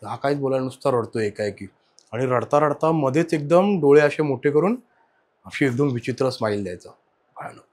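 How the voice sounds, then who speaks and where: A man telling a personal ghost story as a podcast guest, animated in a casual chat, his voice rising and falling as he goes. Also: medium pitch, brisk. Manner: animated, swings loud and soft while telling the story.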